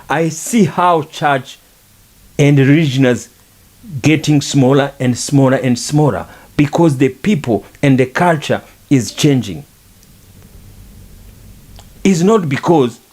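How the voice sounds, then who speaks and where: A man's voice: fairly high pitch, a little mellow. A middle-aged man, speaking on a podcast in an earnest, repetitive, preaching manner about faith and culture. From Rwanda. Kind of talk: reflective monologue on faith and culture.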